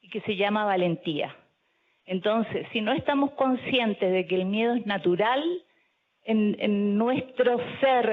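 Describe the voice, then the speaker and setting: A woman telling a personal story at a panel talk, animated and loud at times. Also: medium pitch. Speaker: speaker at a panel discussion. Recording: tinny phone-like audio.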